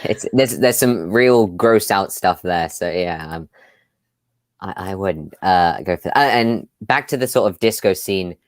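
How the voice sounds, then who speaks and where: A man's voice: low-pitched, measured pace, no echo. A man hosting a casual live discussion over a video call, chatty, with many fillers and frequent laughs. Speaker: host.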